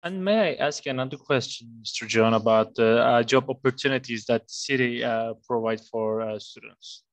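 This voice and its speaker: A man interviews a school director and searches for his words, pausing on fillers as he goes. His voice is mid-pitched. The sound is dry and close, with no room echo. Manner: hesitant, halting, many fillers. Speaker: interviewer, education agent. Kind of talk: interview questions.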